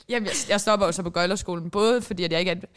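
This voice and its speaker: A woman's voice: lowish voice, clear, resonant tone. A woman in her twenties from Denmark, Icelandic by first language, co-hosting a podcast in a rambling, giggly, self-mocking chat. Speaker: podcast co-host. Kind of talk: casual chat.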